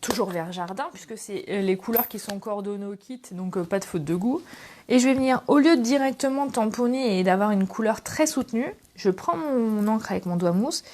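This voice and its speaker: A woman from France hosting a relaxed craft tutorial, talking casually through each step with many fillers. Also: medium pitch, brisk. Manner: chatty, relaxed, thinks aloud with fillers. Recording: faint background noise and clicks.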